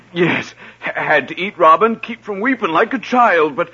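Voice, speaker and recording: Anxious friar, stammering, very high voice, radio play, muffled vintage sound. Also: male voice, lively intonation, unhurried, bright, forceful tone, slightly rough, exaggerated voice. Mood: fretful. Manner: dithering, stammering, fretful. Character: anxious, flustered, food-loving male friar. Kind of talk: old radio drama acting.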